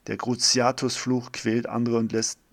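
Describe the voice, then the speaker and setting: A man's voice: medium pitch, completely flat delivery, moderate pace. A man reading a homemade story aloud in a plain way, with slips and restarts.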